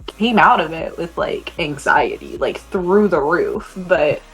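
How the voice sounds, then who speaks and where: A woman's voice: on the low side, slow pace, slightly rough, faint music behind. A young woman, a student, talking candidly and chattily in an interview. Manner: candid, chatty with many likes. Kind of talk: casual interview answer.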